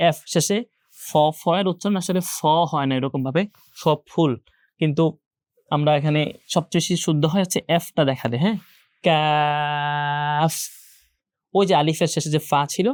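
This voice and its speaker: A man's voice: fairly high pitch, a little mellow, dry recording, clean studio sound. Patient young man drilling letter sounds. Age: young adult. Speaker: Quran teacher. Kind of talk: online class lecture.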